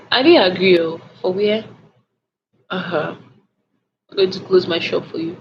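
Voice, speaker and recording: A woman's voice: on the low side, slow pace. A young woman talks to her livestream viewers, telling a story animatedly and often restarting her sentences. Her voice comes through slightly dull lo-fi audio with faint background hiss. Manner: animated retelling with many restarts and filler words. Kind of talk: casual late-night livestream storytime, reading chat.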